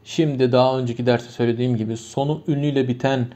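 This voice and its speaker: A Turkmen man from Turkmenistan, a native speaker with a Turkmen accent, teaches a language lesson, patiently explaining grammar through many repeated examples. His mid-range voice is mellow, fairly even in intonation, and quick-paced. Faint music plays behind him on a muffled, lo-fi recording.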